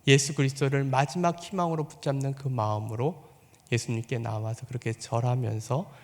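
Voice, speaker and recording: A man's voice: fairly even intonation, moderate pace, in a large hall. A man preaching a sermon as pastor, putting on the voices of the people in the story and asking his congregation questions. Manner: acts out quoted voices with rising pitch and volume.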